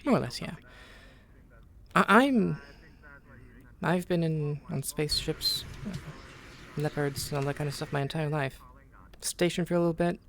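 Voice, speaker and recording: A man talking casually in character during an online roleplay, halting and repeating words as he restarts. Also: on the high side, a bit bright, a little hiss or hum.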